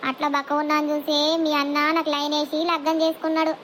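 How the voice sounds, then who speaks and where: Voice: high voice, monotone, a bit bright. A performer voicing a chatty, boastful middle-aged village woman with a Telangana accent in a cartoon comedy. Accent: Telangana Telugu. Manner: brash, gossipy, quick banter. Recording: faint background noise.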